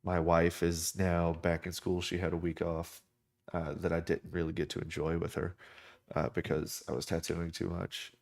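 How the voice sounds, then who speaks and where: A man's voice: sits low, monotone, normal speed, gravelly. A man from the United States chatting casually on a drawing live stream, rambling with many fillers and restarts.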